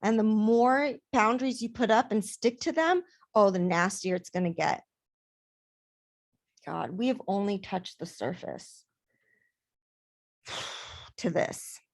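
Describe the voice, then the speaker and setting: A woman's voice: mid-range voice, slow pace, long pauses. Lady life coach just talking to her camera, really emphatic, says stuff twice, normal middle voice. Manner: emphatic, repeats words for stress. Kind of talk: casual monologue to camera.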